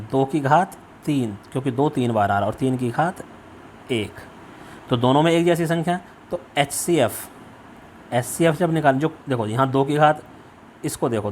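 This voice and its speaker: A man's voice: medium pitch, a little mellow, slight background noise. A male maths teacher going through a worksheet step by step, asking questions and answering them himself. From India. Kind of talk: worksheet lesson.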